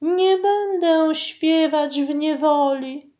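A woman voicing a gentle young mermaid who pleads softly and slowly in a storybook tale. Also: high voice, voice pushed up. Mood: pleading.

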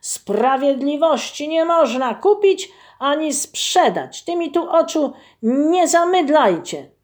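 A woman voicing a big ungrateful male bear in a folk tale, speaking loudly in a high, lively voice. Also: slow pace. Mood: gloating. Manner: loud, pleading then gloating.

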